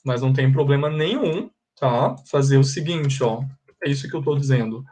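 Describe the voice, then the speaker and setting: His voice is medium-pitched and darkish, with lively intonation at a normal speed. A Brazilian Portuguese-accented man running an online English class, he switches between Portuguese and English, patiently explains, repeats forms and checks with students.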